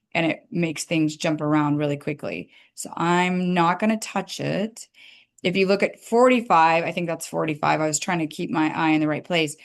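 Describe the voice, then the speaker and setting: A woman with a slightly low voice gives a dental hygiene webinar from her slides. She talks in a relaxed, chatty way, with fillers and quick apologies when she trips up. She sounds like she is on a computer microphone on a video call. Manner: casual, chatty, apologetic asides.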